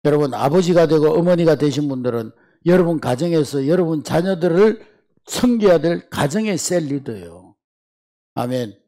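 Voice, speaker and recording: A man preaches a sermon as pastor, his voice sitting a little high with a gravelly edge. He speaks with emphasis and keeps calling out to the congregation. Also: expressive, moderate pace, mellow.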